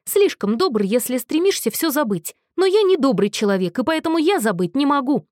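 A woman's voice: sits high, big pitch swings, brisk, darkish tone, dry recording, studio quality, pitched above the performer's own voice. A woman voicing a volatile, bitter young man on the edge of breaking down, snarling and accusing in a raised voice. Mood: furious, accusing.

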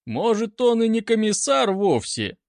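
Man playing a smug general, sardonic remarks, slow, pitched up. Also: sing-song, gravelly, darkish tone, dry recording, clean studio sound, heavily acted.

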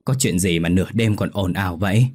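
A man's voice: low-pitched, fast, darkish tone, slightly rough. A man voicing a young village wife who sounds surprised.

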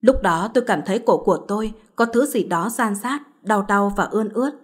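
A woman narrating a late-night story in a measured, even reading style. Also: medium pitch, breathy edge.

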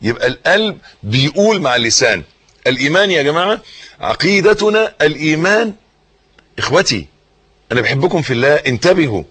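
Egyptian guy preaching, husky voice, sits a bit high, goes loud then real quiet, keeps asking the crowd stuff. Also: big pitch swings, fast. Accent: Egyptian Arabic. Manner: swings between raised emphasis and soft, hushed phrases; repetitive, teacherly, asks listeners questions. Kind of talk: sermon.

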